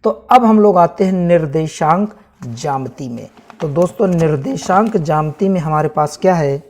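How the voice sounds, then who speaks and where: A man casually walks viewers through a maths syllabus chapter by chapter, repeating each item and calling them friends. His voice is on the high side and animated, with a darkish tone at normal speed.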